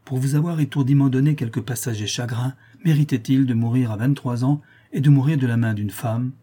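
A man's voice: medium pitch, mellow, husky, lightly acted. A man voicing a dying young nobleman who speaks faintly, then with sudden firmness, in a classic novel reading. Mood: weak, reproachful. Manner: faint, halting then firm. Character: dying young count, feverish and weak.

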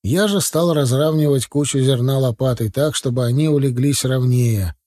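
A man's voice: medium pitch, moderate pace, warm tone, no echo, studio quality. A man narrating an audiobook in the first person, telling the story steadily.

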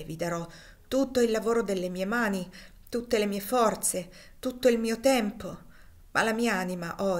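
A woman's voice: mid-range voice, close to an everyday voice. A woman reader plays a devout older man from a classic novel. He speaks with firm, solemn conviction, his voice raised and earnest.

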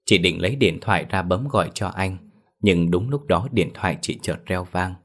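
A man narrating a ghost story as a storyteller, with a measured, dramatic delivery. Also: low voice.

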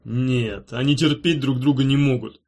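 A man reading an audiobook in a calm, even narration. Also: mid-range voice. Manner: calm, even reading; measured commands as the guardian. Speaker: audiobook reader. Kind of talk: scripted narration.

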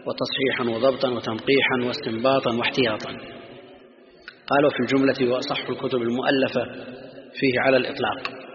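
A man gives a lecture on hadith books in a large reverberant hall, his voice carrying a long tail of echo. He speaks in a measured, scholarly way with long pauses between phrases, and the recording sounds muffled and lo-fi. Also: mid-range voice, fairly bright tone. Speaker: Islamic scholar teaching hadith commentary.

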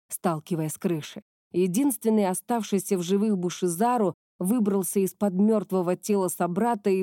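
A woman narrating a fantasy novel as an audiobook in a steady storytelling manner. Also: fairly low pitch, no echo, studio quality.

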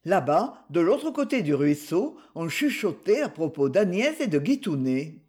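A man's voice: on the high side, big pitch swings, measured pace, a little mellow, husky. A man reading a novel aloud expressively, giving each character a voice of his own. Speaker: audiobook reader.

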